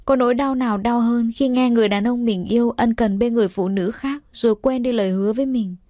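A woman narrating a dramatic romance story in a steady, emotive reading style. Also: on the high side, fast, dry recording. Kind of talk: scripted romance audiobook narration.

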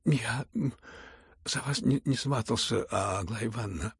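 A man reading an audiobook and voicing a gentle, shy young prince who talks softly and hesitantly. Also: mid-range voice, normal speed, gravelly, slightly rough, dry recording, clean studio sound. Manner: hesitant, soft-spoken, stammering.

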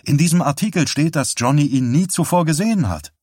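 A man voicing a furious middle-aged wife in an audiobook, speaking flat and clipped with restrained anger. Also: fairly high pitch, a little fast, breathy edge, no echo, clean studio sound, pitched above the performer's own voice. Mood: tight, angry. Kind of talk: audiobook character reading.

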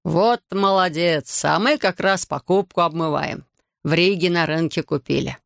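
A man's voice: on the high side, moderate pace, vocal fry, dry recording, studio quality. A man doing a drunk boastful fisherman. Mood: drunk boasting. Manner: slurred, dragging, loud and maudlin.

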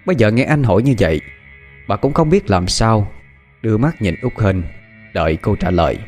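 A man narrating a ghost story audiobook in a steady, even way. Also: fairly low pitch, normal speed, faint music behind.

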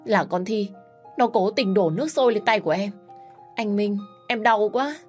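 A woman voicing a hot-tempered, spiteful sister-in-law who sneers and shouts insults in a storybook reading. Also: lowish voice, animated, a little fast, faint music behind, lightly acted. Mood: whining.

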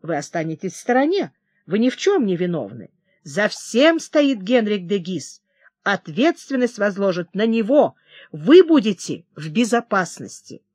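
A narrator plays a scheming count at court, speaking in a persuasive, reassuring way. The reading is measured and level. The sound is close and dry. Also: medium pitch, sing-song, darkish tone, no echo. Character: scheming male court count advising a king. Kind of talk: audiobook character reading.

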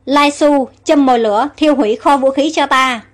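High-voiced fierce warrior queen, read by a woman, commanding and urgent. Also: moderate pace, faint music behind, natural voice. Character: proud fierce young Amazon warrior queen.

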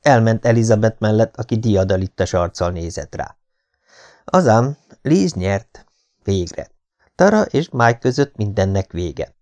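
A man reading a novel aloud as an audiobook narrator, in an even, measured storytelling manner. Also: lowish voice. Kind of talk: scripted narration.

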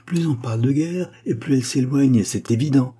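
A man voicing a stiff old bachelor gentleman. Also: mid-range voice, brisk, slightly rough, voice pushed up, close to an everyday voice. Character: elderly gentleman bachelor, fussy, proud.

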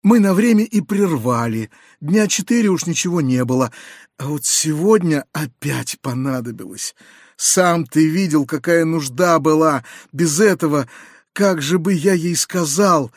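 A man reading an audiobook, voicing an anxious, kindly middle-aged uncle who confides in hushed, lowered tones with hurried outbursts. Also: expressive, no echo, studio quality. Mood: confiding, distraught.

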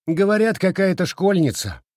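Brief: brash young lad, voiced by a male narrator, sure of himself, lively and dry. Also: high-pitched, normal speed, no room sound, voice pushed up. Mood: cocky. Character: cocky young village boy, boastful.

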